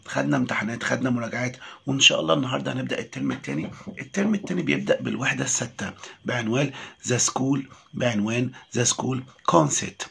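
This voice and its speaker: A man with an Egyptian Arabic accent teaching a recorded English lesson, repeating each word slowly before explaining it. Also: mid-range voice, vocal fry, fairly bright tone, slightly rough.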